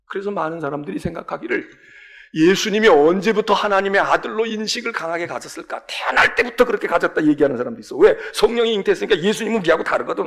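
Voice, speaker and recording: A male pastor preaching a sermon, acting out dialogue and asking the congregation rhetorical questions. His voice sits high for a man, with a gravelly texture. The pitch moves in big, lively sweeps. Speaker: senior pastor.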